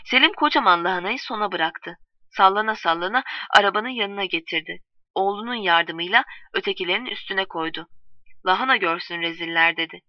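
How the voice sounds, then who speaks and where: Female storyteller, measured read, dry and distant on a dull recording. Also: medium pitch, no echo. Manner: calm measured reading, voicing quoted lines. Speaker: narrator. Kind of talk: storybook narration.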